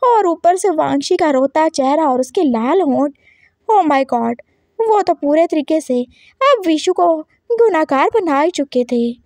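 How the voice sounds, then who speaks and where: A woman telling a story in a dramatic, animated way. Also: high-pitched, measured pace, no echo, clean studio sound. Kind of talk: expressive story narration.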